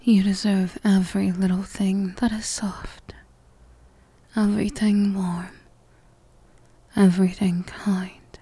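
A woman whispers close to the mic in a slow, soothing comfort roleplay. Her voice is mellow and breathy, staying flat and even. The sound is dry with no room around it. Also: mid-range voice, dry recording. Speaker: ASMR roleplay performer.

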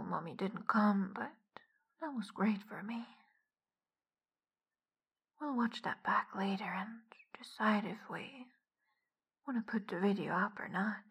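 A woman giving a whispered audio roleplay in a soft, teasing whisper as the dominant partner. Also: mid-range voice, slightly rough.

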